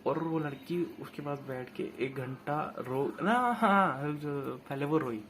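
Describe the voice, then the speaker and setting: A man's voice: fairly high pitch, takes it slowly, fairly bright tone, slight background noise. A young man in casual chat, animatedly and indignantly retelling an office argument with lots of quoted back-and-forth. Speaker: storyteller recounting an office dispute.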